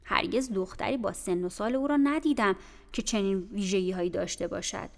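A woman's voice: medium pitch, vocal fry, close to an everyday voice. A woman voicing a firm but kindly young nursemaid in an audiobook, lecturing in a stern, coaxing way. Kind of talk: audiobook character voice. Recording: reverberant room with faint music.

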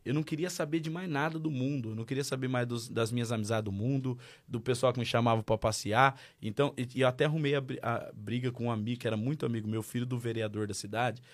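A man's voice: mid-range voice, fast, hardly any pauses. Brazilian man telling his story. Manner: lively storyteller acting out dialogue. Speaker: guest. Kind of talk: casual testimony.

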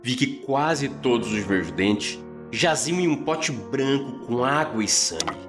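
A man narrating a scripted story podcast as its host, with a measured, theatrical delivery. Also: mid-range voice, expressive, music in the background. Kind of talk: dramatic first-person scripted narration.

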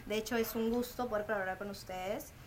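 A woman hosting a casual podcast chat in an informal, excitable way, with a squeaky, squirrel-like voice. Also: quick pace, crowd noise. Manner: informal, excitable, laughs often. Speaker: podcast host. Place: outdoor home terrace. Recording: noisy outdoor terrace ambience.

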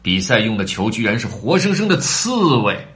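A man reading a children's story aloud in an animated way, talking to the children between lines. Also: fairly low pitch, moderate pace.

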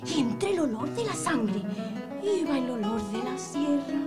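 A chatty, lively young girl. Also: high voice, unhurried, loud music behind the voice. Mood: excited. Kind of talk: radio drama reading.

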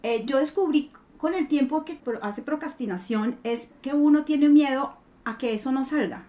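High-voiced, playful woman. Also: normal speed. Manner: animated, playful, acts out inner dialogues. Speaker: guest artist. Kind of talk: conversational interview.

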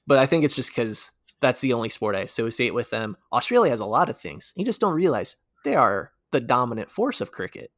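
An American man co-hosting a casual talk show, leading the segments with lively, fact-filled explanation. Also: medium pitch, brisk, hardly any pauses, no room sound, clean studio sound. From United States. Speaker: podcast co-host.

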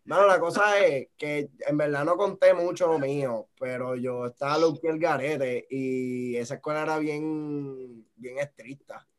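A man's voice: on the high side, measured pace, few pauses. Young Puerto Rican man, easygoing podcast host, casual banter. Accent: Puerto Rican Spanish. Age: young adult. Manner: relaxed, laid-back, mixes English words. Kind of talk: casual chat.

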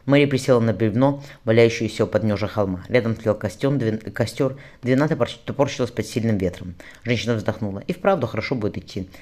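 A man's voice: fairly low pitch, brisk, darkish tone. A man narrating an audiobook fluently, now and then correcting a slip. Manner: fluent, occasional self-corrections.

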